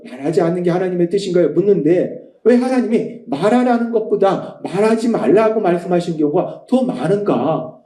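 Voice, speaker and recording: A middle-aged male pastor preaches with a high, lively, swooping voice. His tone is mellow rather than bright, emphatic and passionate, with hushed quoted asides. The sound rings through a roomy church sanctuary. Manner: emphatic, swings between rising passion and hushed quoting. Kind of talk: sermon. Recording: echoey church hall.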